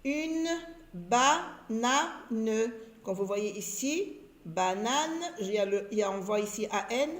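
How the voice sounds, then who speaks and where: A woman teaching a reading lesson to young learners, speaking slowly and repeating each word and syllable with care. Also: medium pitch, expressive. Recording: roomy echo.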